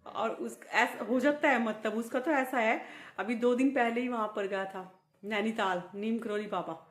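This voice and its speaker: Laughing woman vlogger in an echoey room. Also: on the high side. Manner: laughs often while talking. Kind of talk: casual chat to camera.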